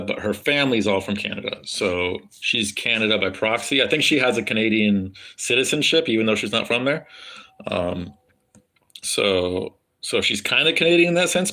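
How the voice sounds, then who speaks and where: Chatting with viewers on his live stream, an American man with a standard accent wanders from topic to topic, curses freely and leans heavily on fillers. His voice is medium-pitched with a sharp edge.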